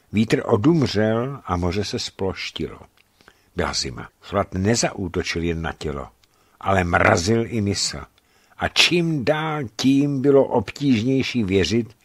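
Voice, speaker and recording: A man reading a novel aloud in a measured, steady manner for radio. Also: fairly low pitch, breathy edge, dry recording, studio quality. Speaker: radio reader. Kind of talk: scripted narration of a novel. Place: radio studio.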